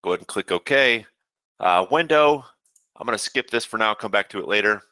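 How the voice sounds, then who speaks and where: A man giving a casual webinar walkthrough of a program as a software trainer, talking steadily with frequent "uh" fillers. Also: on the low side, expressive, a little fast, dry recording.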